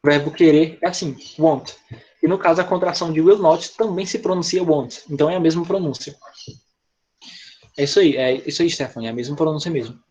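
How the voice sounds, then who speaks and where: A man's voice: fairly high pitch, fairly quick, darkish tone, lo-fi sound. A male English teacher with a Brazilian Portuguese accent, explaining grammar step by step in an online class over a video call. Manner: patient, explains step by step with frequent "tá?" and "né?".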